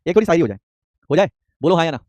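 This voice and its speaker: A young man teaching an online chemistry class, rapidly repeating points and firing quick questions at students. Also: on the high side, lively intonation, darkish tone, no echo.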